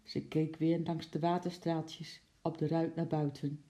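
Een verteller leest een kinderboek voor, levendig en expressief. De stem is heel donker, zacht en warm van klank. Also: mid-range voice, unhurried. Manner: lively, expressive reading. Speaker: narrator. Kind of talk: storybook reading.

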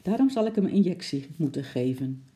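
Storybook vet dad, calm and instructive, dark steady voice, as a woman puts him on. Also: low-pitched, brisk. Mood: explaining. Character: calm, practical zoo vet father.

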